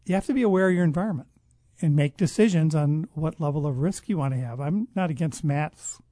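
Mellow-voiced man explaining at length. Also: on the high side, no echo. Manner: measured, explanatory, with frequent restarts. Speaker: guest expert on public health. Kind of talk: conversational interview answers.

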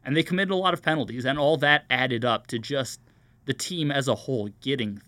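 A young man on a sports podcast, calmly analyzing a college football team. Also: mid-range voice, dry recording. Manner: measured, analytical. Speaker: podcast co-host, sports reporter.

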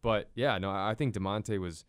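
A man's voice: fairly low pitch, normal speed, clear, resonant tone, dry recording, clean studio sound. A man giving casual, conversational basketball analysis, often repeating words as he goes. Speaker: sports analyst. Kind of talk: casual postgame discussion.

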